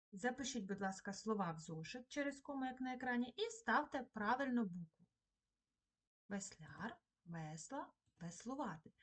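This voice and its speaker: Woman teacher, husky voice, patient and slow, giving a recorded lesson to young pupils. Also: medium pitch. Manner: slow, patient dictation to children. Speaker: primary school teacher. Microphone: screen-recorded lesson.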